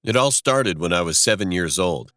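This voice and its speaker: Deep-voiced man narrating a creepy story. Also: lively intonation, moderate pace, a bit bright, no echo, clean studio sound. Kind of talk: scripted horror narration.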